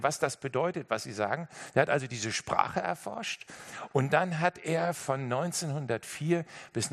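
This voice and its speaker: A man preaching to his congregation in a mid-pitched voice. He tells a story with emphatic, lively delivery and often speaks straight to his listeners. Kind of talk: sermon with storytelling.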